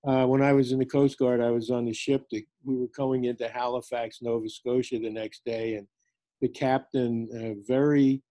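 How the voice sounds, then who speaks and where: A man's voice: mid-range voice, flat delivery, normal speed, warm tone. A man on a video call, telling a story in a rambling way with hesitant fillers. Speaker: small group participant.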